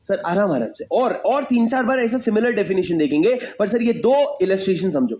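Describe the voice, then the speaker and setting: A man's voice: sits high, expressive, brisk, darkish tone, slight background noise. A young man, giving an emphatic classroom lecture, repeating his questions and calling on students by where they sit. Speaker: teacher.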